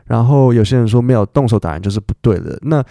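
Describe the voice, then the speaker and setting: A man's voice: mid-range voice, lively intonation, quick pace, gravelly, dark tone, no echo, studio quality. A man, an English teacher explaining things in a chatty podcast style, full of fillers and English asides.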